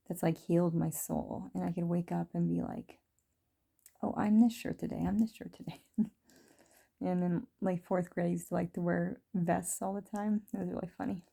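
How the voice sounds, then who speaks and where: A woman in her thirties talking through her feelings in a rambling, reflective video diary, full of fillers and soft laughs. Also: lowish voice, level tone, moderate pace, gravelly. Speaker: vlogger. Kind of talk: reflective personal diary talk.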